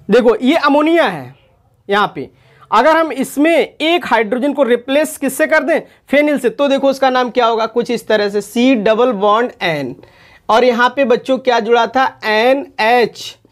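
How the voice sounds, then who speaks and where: A woman chemistry teacher giving an online lesson, calling her students children and repeating each term for emphasis. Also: fairly high pitch.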